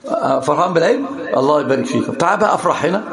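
A man giving a religious lesson to students, animated and teasing as he teaches. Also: fairly high pitch, rapid-fire, a crowd in the background. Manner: animated, teasing, often laughing.

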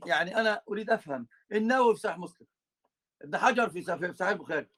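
A quick-talking, high-voiced Egyptian sheikh with an Egyptian Arabic accent teaches a religious lesson full of banter. He's animated, teases his students, and moves between colloquial and formal Arabic.

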